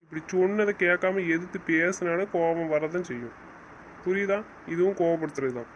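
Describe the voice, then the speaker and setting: A man's voice: sits high, brisk, dull audio, a little hiss or hum. A man playing a stern husband in an audio drama, scolding and giving orders. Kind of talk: casual audio drama acting.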